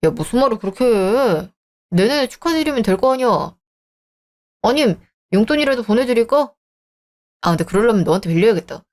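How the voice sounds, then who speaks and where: A woman's voice: a little high, lively intonation, brisk, darkish tone, natural voice. A woman voicing a selfish, dismissive young married man in a radio drama, talking scornfully. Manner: scornful, bickering. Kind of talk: Korean radio drama acting.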